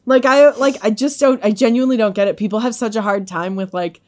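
A woman with a Boston accent co-hosting a podcast, blunt and quick to laugh, swearing in casual chat. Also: a little high, fairly even intonation. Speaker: podcast co-host.

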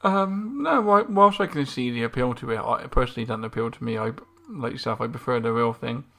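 A man's voice: medium pitch, lively intonation, brisk, vocal fry, a bit bright. A man chatting casually as a podcast co-host, giving his opinions in discussion.

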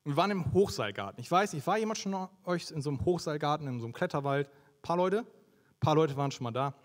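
Lively young preacher man, fairly high voice. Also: quick pace. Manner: lively, conversational, asks the audience questions. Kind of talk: sermon.

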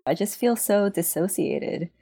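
A woman co-hosting a podcast in casual chat, wry and quick to laugh. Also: medium pitch, lively intonation, mellow, slightly rough. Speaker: podcast co-host.

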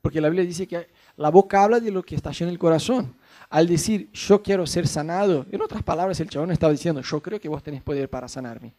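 A middle-aged man with a Rioplatense accent gives a casual sermon. His voice sits high for a man. He talks in a chatty, joking way and mimics the people in his stories. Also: a little mellow. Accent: Rioplatense Spanish. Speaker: pastor.

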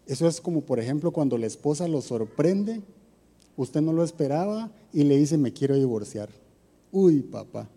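Husky guy preaching chatty sermon, lots of questions to the crowd, big echoey hall. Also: fairly high pitch, animated, normal speed, warm tone. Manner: asks the audience rhetorical questions. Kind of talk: conversational sermon talk.

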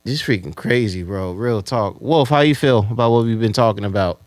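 A man's voice: fairly low pitch, brisk, no echo. A man hosting a casual podcast chat, talking in slang and driving points home with repeated rhetorical questions. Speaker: podcast host.

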